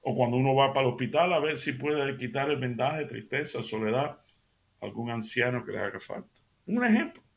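A man giving a conversational radio sermon, speaking straight to his listeners and often pausing with fillers and restarts. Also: medium pitch, expressive, vocal fry. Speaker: radio preacher.

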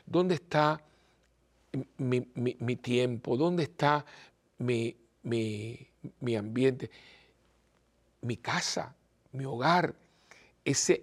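An older man from Cuba, a priest giving an earnest preaching talk, scolding gently and asking many rhetorical questions between hesitant fillers. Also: mid-range voice, creaky.

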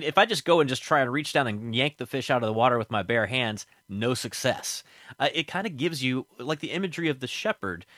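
Brief: a relaxed male morning-show host, middle-range voice, easygoing questions. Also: medium pitch, dry recording, studio quality. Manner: casual and conversational, with fillers.

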